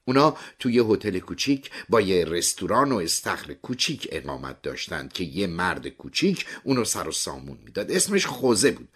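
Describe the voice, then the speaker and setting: A man narrating an audiobook in an expressive storytelling manner, with a husky voice. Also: hardly any pauses. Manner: expressive storytelling with lively pitch swings.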